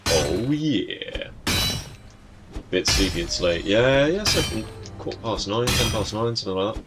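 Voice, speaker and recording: A man streaming a game, a little hoarse as he loses his voice, rambling casually and teasing the creatures on screen. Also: on the low side, expressive, measured pace. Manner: rambling, muttering to himself, teasing the game's creatures. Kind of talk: casual gameplay commentary. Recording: music in the background.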